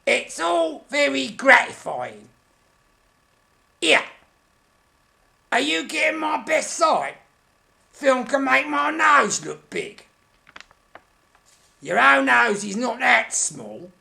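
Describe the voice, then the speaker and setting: A hammy old-school male puppet thespian, vain and easily offended. The voice is high, sharp and heavily creaky, drawn out slowly with pompous theatrical relish in a comic puppet interview. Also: big pitch swings, heavily acted. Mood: hammy, self-satisfied. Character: vain hammy male puppet stage actor, Mr. Punch, touchy. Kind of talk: comic mock interview in character.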